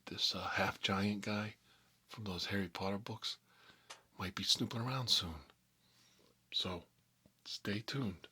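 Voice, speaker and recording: A man with a lowish, sharp, breathy-edged, exaggerated voice hosts a character story series as a nostalgic, folksy mob boss. Friendly and casual in an ASMR style, he rambles through his stories and keeps saying "you know."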